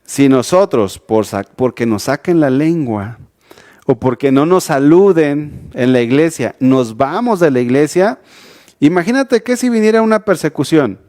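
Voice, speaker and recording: A man's voice: a little high, lively intonation, unhurried, warm tone. A man with a Mexican accent preaching a youth sermon, talking casually with many restarts and rhetorical questions. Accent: Mexican Spanish. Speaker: youth pastor. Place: church, streamed online.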